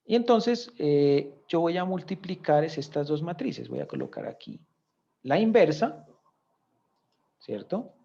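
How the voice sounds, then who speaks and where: A man's voice: fairly high pitch, wildly swooping pitch, a little slow, creaky, dark tone, dull audio. A man teaching a recorded economics lesson, explaining step by step and often checking in with his students. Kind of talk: recorded lecture with spreadsheet walkthrough.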